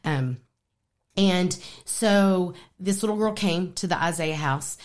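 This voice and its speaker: A woman on a faith-based radio program, talking casually and excitedly about her ministry with plenty of fillers. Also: fairly low pitch, takes it slowly. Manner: excited and animated, lots of fillers. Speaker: ministry guest. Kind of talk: casual interview conversation.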